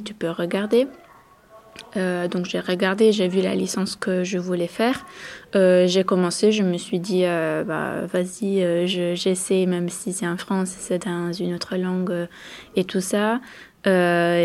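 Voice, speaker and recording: A young Italian woman, native speaker of Italian, tells her story in French. Her voice sits low and stays flat, and she pauses often on fillers as she goes. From Italy. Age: 20s. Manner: hesitant, many fillers. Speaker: European project officer. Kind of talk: testimony interview.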